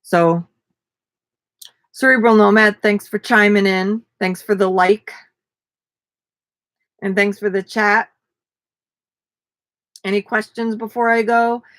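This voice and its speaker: A woman's voice: mid-range voice, steady tone, slow pace, pauses often, a bit bright, dry recording. A tired young woman chatting casually to viewers on a live stream, rambling with many fillers. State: tired, yawning.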